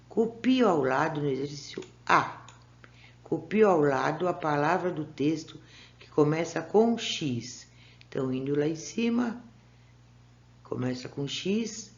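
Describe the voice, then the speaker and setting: A Brazilian woman teaches young children in a recorded lesson, walking them patiently through each task. Her voice is slow and carries a gravelly edge. The sound is muffled and lo-fi. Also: low-pitched, darkish tone. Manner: patient, clear, step-by-step instructions to children. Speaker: primary school teacher. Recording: dull lo-fi recording.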